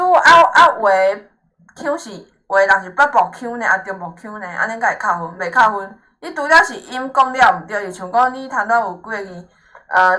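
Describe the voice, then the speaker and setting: A woman teaches in a conversational way with a clear Taiwanese Hokkien accent. Her voice is bright and forceful at a middle pitch. She keeps checking that the listener follows, with short questioning tags, and offers reassurance. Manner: encouraging, reassuring. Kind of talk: informal lesson, explaining to a student.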